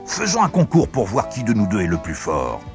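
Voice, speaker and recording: A man's voice: wildly swooping pitch, a little fast. A man doing a boastful, mocking wind. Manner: boastful, taunting, high and loud. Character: boastful blustering male wind, mocking and vain. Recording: background music under the voice.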